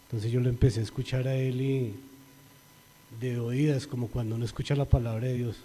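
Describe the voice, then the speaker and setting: This earnest church testimony comes from a middle-aged Colombian man whose medium-pitched voice gets higher and louder as he recites scripture. He speaks with a Colombian accent, and the long reverberant hall carries slight background noise.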